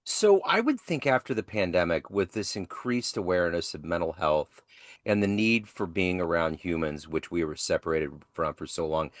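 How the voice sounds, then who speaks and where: Low-voiced man hosting an interview. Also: no echo, studio quality. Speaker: podcast host. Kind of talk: interview questions.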